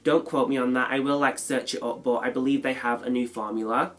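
A man's voice: medium pitch, fairly even intonation, a little fast, a bit bright. A man with a cold and a nasal voice, chatting casually and rambling a little as a beauty vlogger. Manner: chatty, rambling, self-deprecating. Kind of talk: casual chat.

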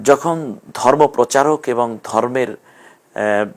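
Patient man teaching Quran reading. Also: mid-range voice. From Bangladesh. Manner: patient, repeats sounds slowly. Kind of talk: explanatory lesson.

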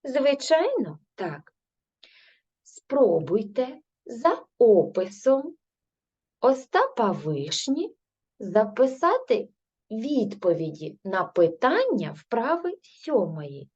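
A woman's voice: on the high side, big pitch swings, takes it slowly, a little mellow, husky. A woman teacher with a Ukrainian accent giving a primary school language lesson, patiently asking questions and answering them herself. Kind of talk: recorded grade-three language lesson. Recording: dull lo-fi recording.

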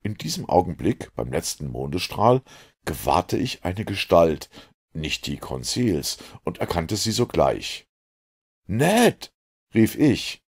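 Deep, husky male storyteller. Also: measured pace. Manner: expressive, dramatic pacing. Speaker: audiobook narrator. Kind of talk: dramatic audiobook narration.

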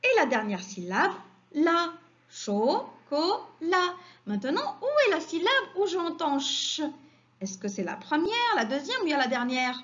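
A woman teaching a phonics lesson to young children, stressing each syllable slowly in a sing-song way. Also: sits high, sing-song, fairly bright tone, dull audio.

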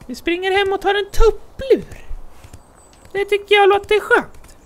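A performer gives voice to a cheerful, childlike bear in let's play commentary, chirpily narrating its own actions as "we." The bear is cozy and easily delighted, spoken in an extremely high pitch with fairly even intonation.

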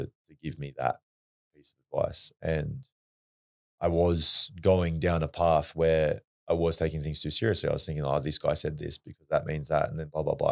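Very deep-voiced Australian man. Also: creaky. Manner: blunt, swears freely, earnest. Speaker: podcast guest. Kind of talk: casual storytelling.

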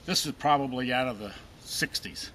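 A man's voice: mid-range voice, moderate pace, sharp tone, a little hiss or hum. An older man casually showing off his old canteens outdoors, folksy and dry-humored, recorded from a camera a few steps away. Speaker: outdoor gear collector. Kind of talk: casual show-and-tell chat. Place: outdoors in a wooded park.

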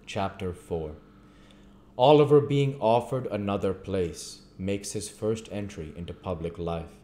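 A man reading a classic novel aloud at a measured pace, with the occasional stumble. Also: low-pitched, dark tone, a little hiss or hum. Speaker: audiobook reader.

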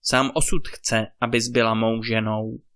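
A man's voice: lowish voice, level tone, fairly bright tone, smooth, close to an everyday voice. A man reading the part of a fierce, jealous warlord in a fairy-tale audiobook, harsh and demanding in tone. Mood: wild.

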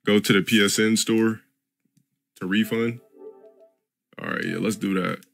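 Man, game streamer, lowish pitch, bright forceful tone, dry close sound, blunt, profane slang. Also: fairly even intonation, unhurried, creaky, no room sound, faint music behind. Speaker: video game livestreamer. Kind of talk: casual livestream chat with heavy profanity.

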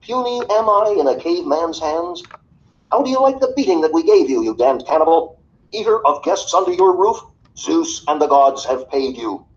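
A man voicing a boastful, defiant sea captain who shouts proud taunts at a giant, heard on a dull recording with faint hiss. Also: a little high, expressive, moderate pace, pitched above the performer's own voice, lightly acted. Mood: taunting.

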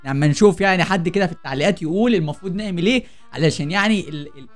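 With faint music in the background, a young man with a high voice races through his horror game let's play. He hosts a gaming channel, has an Egyptian Arabic accent, and is jokey, easily startled, and chatty with viewers.

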